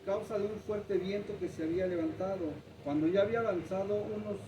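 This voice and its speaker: A man with a fairly high voice reads a Bible passage aloud in a plain, steady way. He sounds distant in an echoey room, and clear noise runs under his voice. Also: a little fast. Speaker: scripture reader. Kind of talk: Bible reading.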